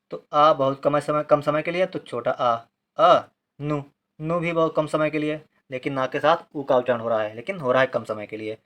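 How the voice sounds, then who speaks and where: A man teaching a handwriting lesson step by step, sounding each syllable out slowly and patiently and often asking why before he answers. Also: medium pitch. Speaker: Hindi writing teacher.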